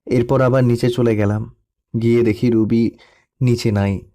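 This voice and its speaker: A young man narrating a first-person love story in a soft, melancholy storytelling manner. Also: mid-range voice, flat delivery, measured pace. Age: young adult.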